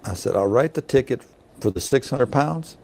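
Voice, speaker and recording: A man's voice: medium pitch, expressive, normal speed, creaky, dark tone. Folksy middle-aged man telling a story. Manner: folksy, chatty, peppered with "you know" asides. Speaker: truck scale inspector. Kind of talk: casual storytelling.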